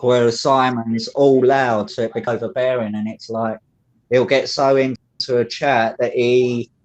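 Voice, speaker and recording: Over the phone, a man with a London accent chats casually and rambles, leaning on fillers like "it's like." His voice is medium in pitch, and the audio is dull.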